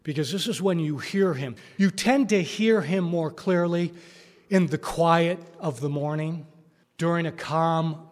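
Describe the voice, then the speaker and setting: A man preaching a sermon in a calm, measured way, slowing down and pausing to stress his points. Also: fairly high pitch. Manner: calm, measured preaching with slow emphatic pauses. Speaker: pastor. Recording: long hall reverb.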